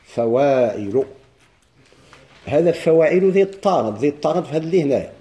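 A man with a Moroccan Arabic accent teaching a grammar lesson, quizzing students with quick questions and answers. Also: on the high side, lively intonation, mellow. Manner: chants verse slowly.

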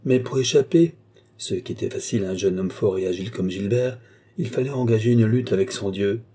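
A man narrating a classic novel as an audiobook in a measured storytelling manner. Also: lowish voice, steady tone, mellow, breathy edge.

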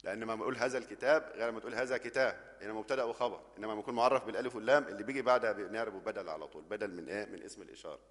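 A man's voice: fairly low pitch, steady tone, very fast, few pauses, a bit bright, big-room sound. A man with an Egyptian accent teaching an Arabic grammar lesson, explaining step by step and often checking that the class follows.

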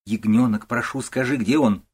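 A man reading an audiobook, voicing a shrill, hysterical older woman who wails and accuses, in a husky voice. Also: moderate pace, darkish tone, natural voice. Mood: pleading. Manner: wailing, shrieking, accusing.

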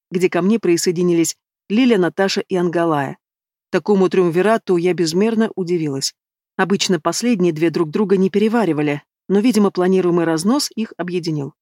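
A woman narrating a fantasy novel in the first person, in an even storytelling manner, close to the microphone. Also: on the low side, dry recording. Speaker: audiobook narrator.

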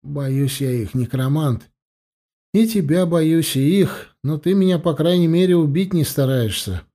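A man's voice: a little high, a little slow, mellow, pitched above the performer's own voice. A man reading an audiobook, voicing a frightened, whiny male mage who pleads and cries out. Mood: plaintive. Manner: pleading, plaintive outbursts.

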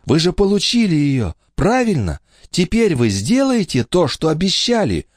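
A man's voice: high voice, wildly swooping pitch, normal speed, no room sound, studio quality, pitched above the performer's own voice, exaggerated voice. A man voicing a nervous, pleading boy. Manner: pleading, anxious. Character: nervous, guilty young boy in glasses.

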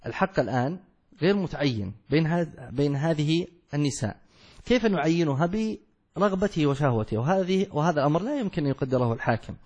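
Husky-voiced sheikh explaining a text. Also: male voice, a little high, darkish tone. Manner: explains step by step, asks and answers his own questions. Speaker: sheikh teaching a fiqh text. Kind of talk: classical Arabic study lesson.

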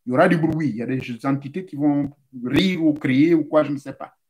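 Male spiritual teacher, high voice, didactic, talks straight to listeners, repeats steps. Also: brisk, a little mellow. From Central Africa. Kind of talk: instructional talk.

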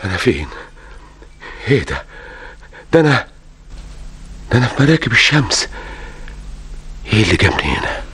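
Radio play, desperate drowning egyptian man, gravelly voice swinging all over. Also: fairly low pitch, big pitch swings, brisk, long pauses, a bit bright, exaggerated voice. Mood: bewildered. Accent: Egyptian Arabic. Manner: frantic, anguished, pleading. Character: desperate middle-aged man drowning, crying out for a lost love.

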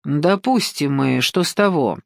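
A nervous, bewildered young cook voiced by a woman narrator speaks hesitantly and with unease. His slow delivery comes through a dry, close audiobook recording. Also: low voice, lively intonation, vocal fry, no echo, full character voice. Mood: anxious. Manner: hesitant, anxious.

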